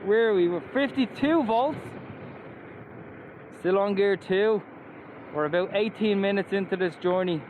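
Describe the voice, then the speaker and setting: With a voice that sits high, an Irish scooter reviewer from Ireland talks unhurriedly and pauses often while riding an electric scooter outdoors by roads, helmeted and masked. His casual, enthusiastic vlog chat is phone-quality, layered with traffic and wind.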